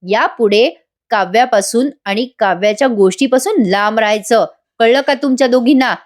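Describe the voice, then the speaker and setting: A woman's voice: fairly high pitch, moderate pace, close to an everyday voice. A woman voicing a young man from a TV serial who angrily scolds his family, in a stern, reproachful way. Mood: scolding.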